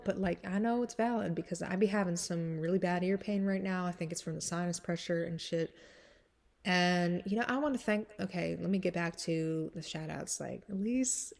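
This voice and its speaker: Congested from sinus trouble, a young woman with a stuffy nose chats and rambles her way through an intro before a cover song. She leans on lots of fillers, and her voice jumps high whenever she stresses a point.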